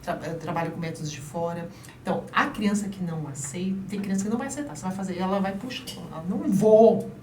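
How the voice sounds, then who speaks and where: A woman guest explaining child-rearing methods in an emphatic, lively way during an interview. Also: fairly low pitch, racing. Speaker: guest, parenting advisor. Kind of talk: interview conversation. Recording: roomy, distant mic, faint noise.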